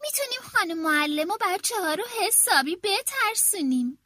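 A sweet, eager little girl from a children's storybook, as a woman reader plays her, with a very high, bright voice. She coaxes in a lively, singsong way, recorded close and dry. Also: dry recording, heavily acted. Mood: playful. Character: eager friendly young girl.

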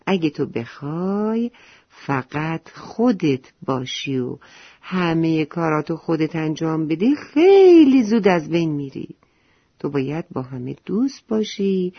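A storyteller voicing a wise old hoopoe bird who gives gentle advice in a children's story. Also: mid-range voice, breathy edge, dry recording. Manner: slow, gentle, advising. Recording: dull lo-fi recording with faint music.

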